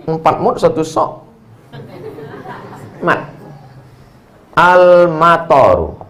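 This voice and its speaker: A man preaching a humorous sermon to students, animated and jokey, reciting word lists in sing-song runs. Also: a little high.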